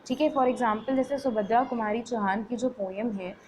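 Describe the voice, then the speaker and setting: A woman's voice: a little high, moderate pace, slight background noise, low-quality recording. A woman lecturing on teaching poetry, mixing Hindi and English, who keeps adding a "theek hai" check as she explains.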